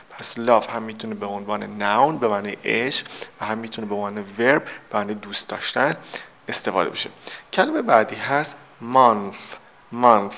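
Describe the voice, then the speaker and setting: A man with a gravelly, fry-edged voice at a middle pitch teaches English vocabulary. He works through each word step by step, moving between Persian explanations and English example sentences. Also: a bit bright. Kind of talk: recorded vocabulary lesson.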